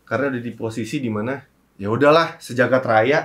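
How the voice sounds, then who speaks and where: A man guest on an interview show, speaking in a halting, reflective way and trailing off as he recalls. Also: mid-range voice, a bit bright. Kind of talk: candid casual chat.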